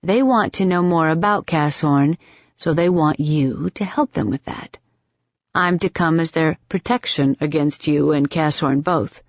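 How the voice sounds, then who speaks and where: A woman voicing an elderly, refined Southern gentleman with an old Southern accent, speaking slowly and swallowing his R's. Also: deep voice, dry recording. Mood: courteous. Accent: old Southern American. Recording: dull, dry audiobook recording.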